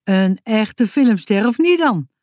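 A woman's voice: a little high, animated, slow pace, a little mellow, no echo, clean studio sound, voice pushed up. A woman voicing a big, strong, joking man in a read-aloud storybook. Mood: easygoing. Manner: joking, easygoing.

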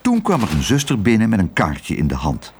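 Expressive man reading a children's story. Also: fairly low pitch, fairly quick, a little hiss or hum.

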